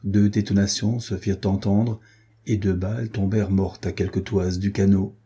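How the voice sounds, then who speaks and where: A man reading a historical adventure novel aloud as an audiobook narrator, in an even, measured way. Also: low-pitched, breathy edge. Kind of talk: scripted narration.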